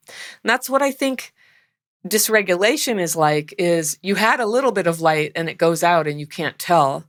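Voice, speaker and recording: Low-voiced woman in her fifties, animated. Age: 50s. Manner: animated storyteller, acts out quotes, laughs often. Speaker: guest. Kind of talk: casual interview talk.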